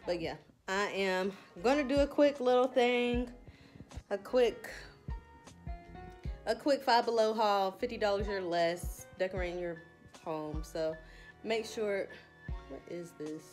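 A young woman vlogs from behind the wheel, rambling in a casual, slangy, self-deprecating way and sounding a bit out of breath. Her voice is medium-pitched and darkish, and she talks slowly with long pauses. Background music comes through clearly.

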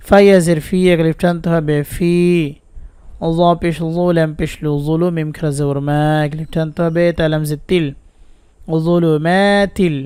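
A man's voice: on the high side, darkish tone, clean tone, dry recording, clean studio sound. Patient man spelling out syllables. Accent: Bangladeshi Bengali. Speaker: Quran recitation teacher. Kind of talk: step-by-step spelling lesson with slow recitation.

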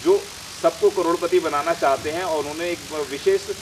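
Outdoors in front of banners, a male news channel host presents and interviews on camera using a handheld news microphone, his voice steady and brisk. The audio is noisy, with vehicle rumble and hiss.

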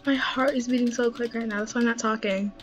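A young woman giving casual game commentary with a friend, excitable, with sudden tense whispers. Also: a little high, fast. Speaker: gaming channel host.

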